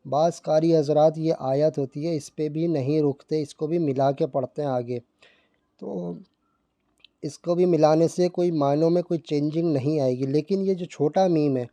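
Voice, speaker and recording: A man teaching Quran reading in Urdu, explaining patiently and reciting verses slowly. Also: on the high side, warm tone, no echo. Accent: Pakistani Urdu.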